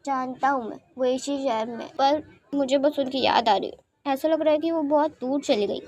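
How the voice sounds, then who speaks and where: A woman's voice: high-pitched, normal speed, a little mellow, lightly acted. Woman voicing a moody, tearful young man. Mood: wistful. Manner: bickering, sobbing when hurt. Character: young man, moody and sensitive, quick to tears.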